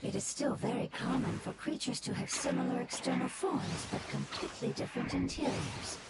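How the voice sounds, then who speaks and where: A prim robotic fungus creature. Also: female voice, sits high, animated, fairly quick, very noisy. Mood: calm. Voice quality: soft, precise, robotic manner. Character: calm, formal, odd-voiced fungus creature. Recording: game audio with loud music behind.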